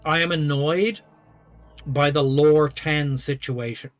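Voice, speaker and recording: A man with a fairly high voice hosts a video game playthrough. He reads narration and dialogue options aloud as he goes. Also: steady tone, takes it slowly, no room sound, faint music behind. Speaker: let's play host.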